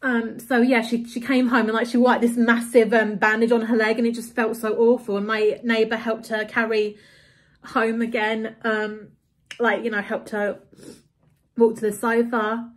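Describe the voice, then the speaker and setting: A woman vlogger talks casually at home into a handheld phone camera, rambling in a confessional way and leaning heavily on "like" and "you know." Her voice is on the high side, level in tone, at a moderate pace.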